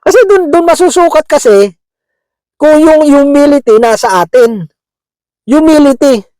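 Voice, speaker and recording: A man's voice: very high voice, expressive, a little slow, mellow, dry recording, rough recording. Chatty, chuckling male preacher, dry sound. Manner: chatty, keeps asking "di ba?", chuckles often; mixes English words into his talk. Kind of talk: conversational sermon.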